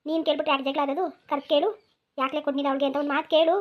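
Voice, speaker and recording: A scheming cartoon village mother-in-law, as a woman voices her, nagging and repeating herself in a rural Mysore-region accent. She speaks high and rapid-fire. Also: flat delivery, muffled recording, lightly acted. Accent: rural Mysore-region Kannada. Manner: nagging, insistent, repetitive.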